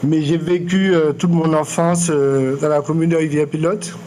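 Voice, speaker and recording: A man in his late forties from Martinique, an artist answering interview questions in a measured, hesitant way with many fillers and restarts. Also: fairly high pitch, steady tone, dark tone, slight background noise. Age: 40s. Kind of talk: public interview, hesitant and reflective. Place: lecture room.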